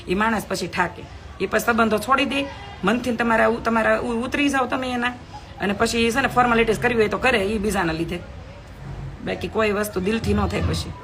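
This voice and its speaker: A woman's voice: on the high side, a little fast, a bit bright. A middle-aged woman, chatting bluntly with viewers on a phone live stream, scolding and preaching.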